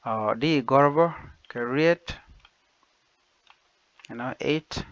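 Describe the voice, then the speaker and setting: A man teaching basic phrases, saying each one slowly and repeating it in two languages. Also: medium pitch, a bit bright, no room sound. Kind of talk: slow phrase-by-phrase language lesson. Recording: dull lo-fi dry recording.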